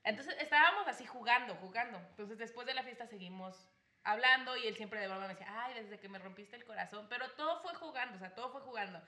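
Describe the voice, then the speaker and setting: A young Mexican woman telling a story in casual chat, animated, laughing and acting out what people said. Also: a little high, fast. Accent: Mexican Spanish.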